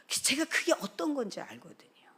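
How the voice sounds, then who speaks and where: A middle-aged woman pastor preaching a sermon, telling stories with lively acted-out dialogue, sometimes dropping to a whisper and then rising loud. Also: high-pitched, normal speed. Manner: animated storytelling, acts out dialogue, drops to a whisper and then bursts loud.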